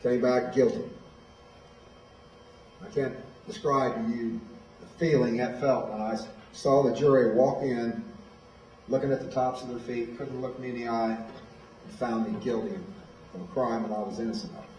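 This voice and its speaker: A man in his fifties gives a plainspoken personal testimony to a school audience. His voice is mellow and dark. He sounds distant from the mic, in a roomy hall with noticeable echo. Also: mid-range voice, fairly even intonation, moderate pace, long pauses, slight background noise. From Illinois, USA. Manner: plainspoken, storytelling. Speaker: guest speaker at a school. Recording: echoey hall, voice from far off.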